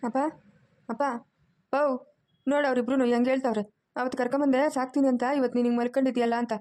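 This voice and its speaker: A woman voicing an anxious, caring adult daughter who speaks softly and pleadingly. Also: sits high, little pitch movement, fast, natural voice.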